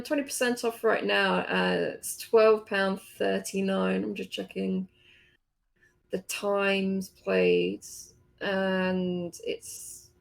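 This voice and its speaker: A woman co-hosts a casual game podcast, with a gravelly, fry-tinged voice. She reads store blurbs aloud, stumbles now and then, and laughs softly between remarks. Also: mid-range voice. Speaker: podcast co-host.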